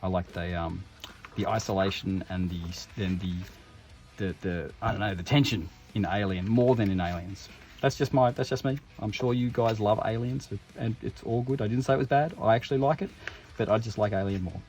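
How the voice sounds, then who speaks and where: A man hosting tabletop game unboxing videos keeps up casual, informal commentary full of jokey asides and interruptions of himself. His voice is fairly low and darkish in tone, moving fairly quickly over soft background music.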